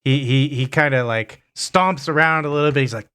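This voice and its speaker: A man narrating as game master, unhurried and often stumbling over his words. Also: medium pitch, bright, forceful tone, smooth.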